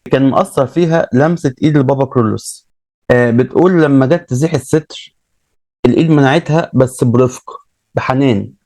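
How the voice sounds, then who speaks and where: Egyptian male storyteller, quick and casual, repeats himself, dry close mic. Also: medium pitch, darkish tone, no echo. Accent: Egyptian Arabic. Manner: retells events with many repeats and restarts.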